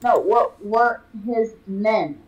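A woman's voice: fairly high pitch, extremely slow, a little mellow, highs cut off. Chatty woman playing a tabletop game. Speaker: player. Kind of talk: casual tabletop play.

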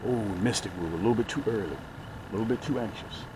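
Rapid-fire and low-pitched, a middle-aged man hosts a casual, folksy fishing vlog aboard a small boat on a lake. He speaks emphatically and repeats phrases a lot. A small action camera mounted near him captures the audio, outdoor noise included.

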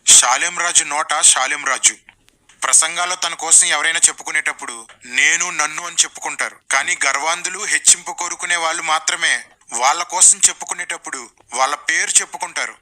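A man's voice: fairly high pitch, fairly quick, bright, forceful tone. A man delivering satirical voice-over commentary in a sarcastic, mocking way.

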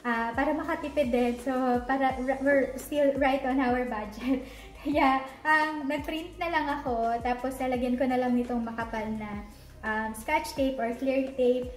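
A woman's voice: high voice, fairly even intonation, measured pace, soft background music. A woman in her thirties chatting casually at home while showing how she organizes her kitchen, slipping English words into her talk with plenty of fillers. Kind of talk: casual home vlog narration. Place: home dining area, indoors.

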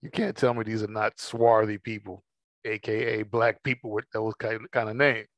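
Measured man teaching scripture, dry sound. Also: lowish voice, little pitch movement, dry recording. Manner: measured, reads verses slowly then explains. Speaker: Bible study teacher. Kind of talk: scripture study talk, reading aloud.

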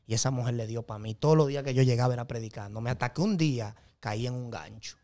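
A man's voice: medium pitch, quick pace, warm tone. A man with a Dominican accent giving an earnest, emphatic faith testimony as an interview guest, with a preacher-like cadence. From Dominican Republic.

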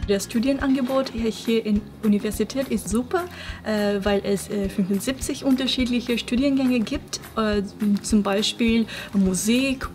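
A woman's voice: mid-range voice, darkish tone. A young woman, an international law student, speaking German hesitantly with many fillers in a promotional interview. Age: young adult. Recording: light music underneath.

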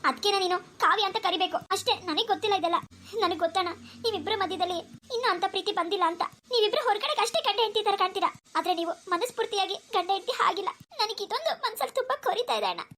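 A woman's voice: extremely high pitch, rapid-fire, fairly bright tone, a little hiss or hum. A woman voicing a young woman in a cartoon, an emotional younger sister pleading through tears. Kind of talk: cartoon voice acting.

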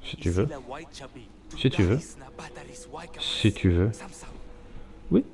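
Amid crowd noise, a let's play streamer speaks very slowly in a low-ish, highly animated voice. He gives live gameplay commentary in a chatty way, cursing and addressing the animals he's riding.

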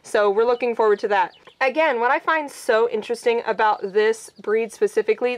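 A woman's voice: on the high side, slight background noise, rough recording. A woman, talking earnestly to camera in a casual farm vlog, recorded outdoors on a porch. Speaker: small farm owner and vlogger.

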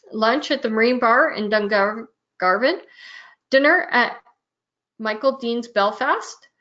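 A woman, a little hoarse, presenting travel tours and reading through itineraries and prices in a steady, listing way. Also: a little high. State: hoarse, losing her voice. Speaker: travel club tour presenter. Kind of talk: presenting tour details. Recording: muffled lo-fi recording.

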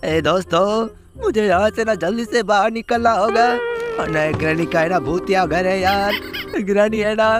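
High-voiced jittery man playing games. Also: normal speed, over music. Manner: jittery, dramatic, chatty. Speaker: gaming video host. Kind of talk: playful gaming commentary in character.

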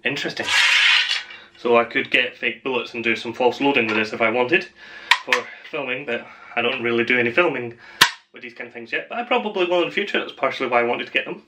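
A man's voice: medium pitch, fast talker, heavy background noise. A man hosting a casual unboxing vlog, rambling and chatty, often laughing at himself. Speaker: channel host.

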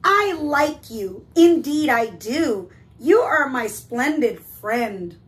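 A cheerful storybook goose, as a woman reading aloud puts him on, with a high, sing-song voice that swoops up and down. He sounds chatty and friendly, and he bounces through his words. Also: sing-song, slow, heavily acted. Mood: sweet.

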